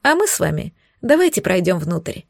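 A woman voicing a sharp-tongued young witch who is a duchess, blunt and sarcastic. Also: on the low side, very animated, normal speed, vocal fry, dry recording, studio quality, exaggerated voice. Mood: sharp, teasing.

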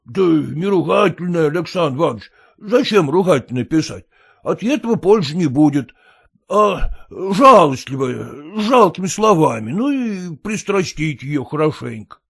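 A man voicing an illiterate, clumsy peasant who pleads in rustic, halting speech with fillers. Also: on the high side, sing-song, gravelly, a bit bright, slightly rough, heavily acted. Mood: pleading.

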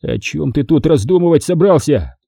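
A man voicing a gruff, wounded older sergeant-major who talks in a hoarse grumble. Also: fairly high pitch, animated, moderate pace, mellow, no echo, studio quality, pitched above the performer's own voice.

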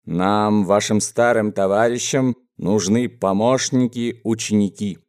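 A man voicing a menacing mustached bandit gang boss, speaking in gruff, slow, threatening speeches in a storybook reading. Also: fairly low pitch, fairly even intonation, a little mellow, close to an everyday voice. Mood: haranguing.

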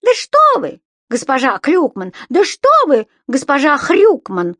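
A woman voicing a cheeky, mischievous little male creature with a snout, shouting gleeful taunts. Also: very animated, unhurried, no room sound, studio quality, exaggerated voice. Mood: mocking. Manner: gleeful, teasing, shrill shouts.

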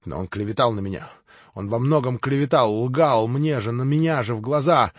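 A feverish, tormented young man, as a male audiobook reader puts him on, his agitated talk rising again and again into high, strained shouts. The recording is dull and lo-fi, with a dry, close sound and no room around it. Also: normal speed, no room sound, lightly acted. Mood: frantic.

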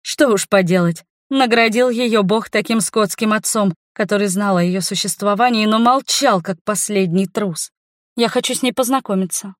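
A woman's voice: medium pitch, moderate pace, no echo, studio quality, voice pushed up, natural voice. Brief: betrayed mother in a fantasy audiobook, read by a woman, reproachful and heated. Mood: indignant. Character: middle-aged mother, wounded and fierce.

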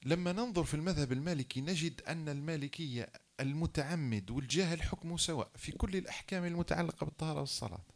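In a racing, gravelly voice, a man gives a classroom lecture, taking the rules one by one and repeating key phrases. He performs sample phrases before dropping low to rule them invalid.

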